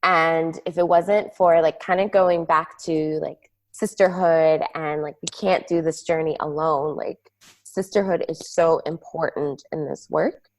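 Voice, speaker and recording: A woman guest on a podcast, telling a personal story earnestly, halting with many "um" and "like" fillers. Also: sits low, steady tone.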